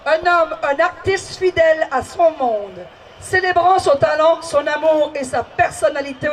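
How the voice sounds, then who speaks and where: A woman's voice: high voice, unhurried, slight background noise, rough recording. Playful Quebec French woman emceeing outdoors. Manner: playful, teasing, exclamatory. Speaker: festival co-host on stage. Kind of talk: lively stage emceeing. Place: outdoor festival stage. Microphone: handheld stage microphone.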